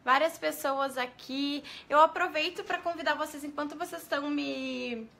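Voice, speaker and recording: A woman with a high, fairly bright voice and a Brazilian Portuguese accent trains teachers through a live-streamed lesson, with a little hiss or hum in the audio. She asks viewers questions, greets them by name, and spells out letters slowly and clearly.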